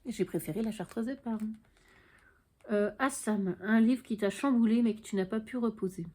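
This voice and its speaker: A woman's voice: a little high, moderate pace, mellow. A woman book vlogger chatting frankly to the camera at home, with dry little asides. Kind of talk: casual chat to camera.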